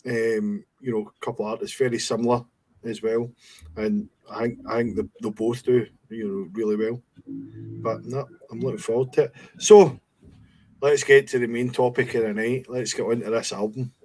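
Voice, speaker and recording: A man's voice: mid-range voice, moderate pace, low-quality recording. A Scottish man hosting a music podcast, talking casually with plenty of fillers and restarts. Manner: relaxed, hesitant, lots of fillers. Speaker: podcast host. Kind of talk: casual chat.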